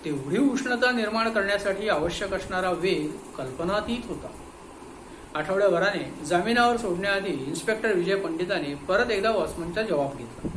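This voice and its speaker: A man reads a detective story in measured, expressive narration. His voice sits high and bright. The recording carries a roomy echo with a faint hum underneath. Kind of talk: audiobook story reading.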